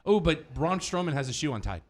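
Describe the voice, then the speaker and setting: A man's voice: a little high, big pitch swings, brisk, crowd noise. A man co-hosting a casual live-stream podcast, reacting to wrestling with teasing banter. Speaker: podcast co-host.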